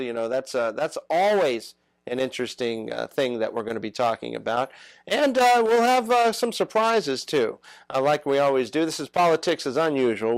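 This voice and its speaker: A man hosting a political talk show, his voice sitting in an ordinary middle register. He talks haltingly and fills gaps with "uh". The recording is dry and close, with no room sound. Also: medium pitch, no echo, low-quality recording. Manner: halting, many "uh" fillers.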